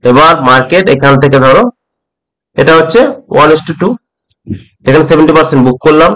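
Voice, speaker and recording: A middle-aged man from West Bengal teaching a trading method, talking slowly and repeating points, often checking that the listener follows. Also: on the high side, fairly bright tone, low-quality recording. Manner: slow, repeats points, asks "ঠিক আছে?" often. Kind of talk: slow explanatory tutorial.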